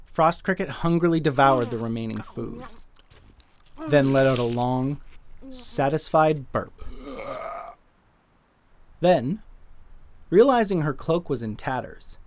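Man narrating a dark fable. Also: medium pitch, lively intonation, slow, pauses often. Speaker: writer and narrator. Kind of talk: scripted storytelling narration.

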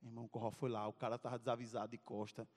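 Racing along in a mid-range voice, a preacher tells a youth service a comic story in a church sanctuary. He's animated, playing out scenes and calling to his listeners, all under a church hall's long reverb.

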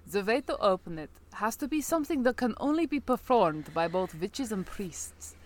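A woman's voice: medium pitch, expressive, moderate pace, close to an everyday voice. A woman voicing a fierce, secretive witch in a put-on Russian accent, while reading a story aloud with friends. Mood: matter-of-fact.

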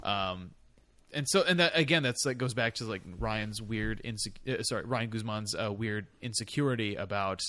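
A man's voice: on the low side, normal speed, pushed and bright. A man co-hosting a podcast, chatting casually in rambling bursts full of fillers. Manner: rambling, lots of fillers and quoted voices. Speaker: podcast co-host. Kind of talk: casual chat.

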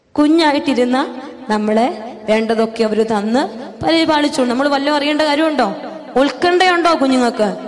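Preacher with rising and falling questions. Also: medium pitch. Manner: rhetorical questions answered aloud, swings between loud and hushed. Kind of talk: sermon. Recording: long reverb of a hall.

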